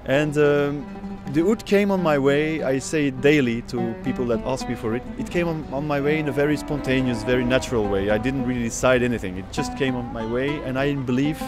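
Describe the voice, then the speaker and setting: In a fairly quick, mid-range voice with few pauses, an oud player in his thirties talks through a documentary interview, thoughtful and searching for words. Dutch is his native language, and music runs underneath the recording.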